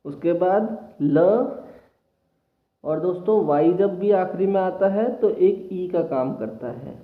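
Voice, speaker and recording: A man teaching reading to children in a patient classroom manner, often repeating himself and sounding out letters slowly. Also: high voice. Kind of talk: classroom lesson. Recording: tinny phone-like audio. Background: children nearby.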